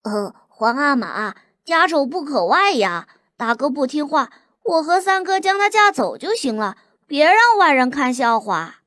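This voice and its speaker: A cheeky young prince, as a woman narrator puts him on, teases and jokes to calm everyone down. The voice is high, with a dry, close recording. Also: measured pace, hardly any pauses, no room sound, full character voice. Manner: cheeky, playful. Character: cheeky young male prince, joking peacemaker.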